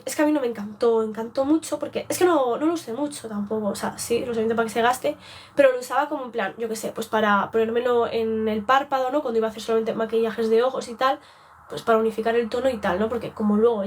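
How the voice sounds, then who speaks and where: A young woman from Spain with a Spanish accent, chatting casually on a live beauty stream and rambling off track. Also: a little high. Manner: rambling, chatty, self-interrupting.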